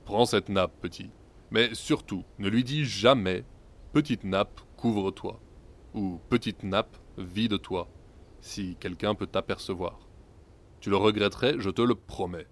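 Man as a fairy-tale ogre, low voice, stern, scolding, fond but fed up. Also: a little slow, close to an everyday voice. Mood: stern warning. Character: fond but exasperated male ogre, part magician.

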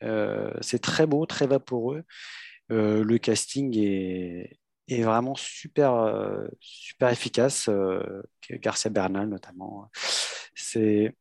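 A man reviewing a film in a casual chat, measured and hesitant with many fillers. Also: on the low side, vocal fry, darkish tone, no room sound, clean studio sound. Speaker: film critic.

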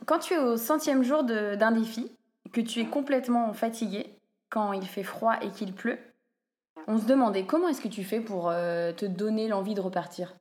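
A woman's voice: on the high side, moderate pace, darkish tone. A woman co-hosting an interview, asking casual questions. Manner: casual, uses informal tu.

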